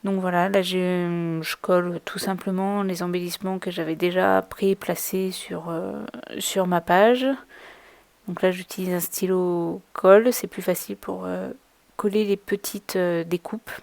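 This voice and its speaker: A woman casually explaining her crafting as she works, with many pauses, fillers and restarts. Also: on the low side, little pitch movement, creaky, a little mellow, dry recording. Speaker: crafting vlogger. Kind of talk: casual tutorial narration while crafting. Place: at a craft table indoors.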